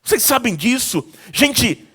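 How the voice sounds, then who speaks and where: A male pastor preaching a sermon in a church, with a notably high voice. He calls out to the congregation with force, then drops to a quiet, near-hushed tone to tell a story. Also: very animated, takes it slowly, breathy edge. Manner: swings between loud exhortation and quiet storytelling.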